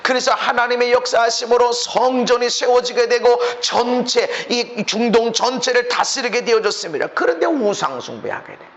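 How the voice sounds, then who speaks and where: A male pastor preaching a dramatic sermon in a church, swinging from hushed murmurs to shouts. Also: very high-pitched, moderate pace, hardly any pauses. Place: church sanctuary. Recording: dull, faintly noisy church recording.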